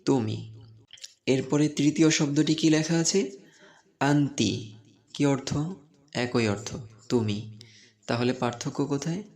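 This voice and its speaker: A man teaching a beginner Arabic class, patient and encouraging, repeating words slowly for students to say back. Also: mid-range voice, fairly even intonation, a little mellow. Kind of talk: online language lesson.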